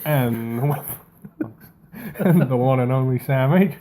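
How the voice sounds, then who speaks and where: A man's voice: mid-range voice, expressive, slow pace, dark tone, slight background noise. A man hosting a wrestling podcast in casual chat, with a dry, sarcastic manner. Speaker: podcast host.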